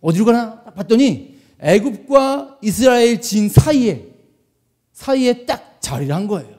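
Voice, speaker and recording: High-voiced man preaching animatedly. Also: measured pace. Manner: animated storytelling, asks the crowd questions. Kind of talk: sermon to a young audience. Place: church meeting hall.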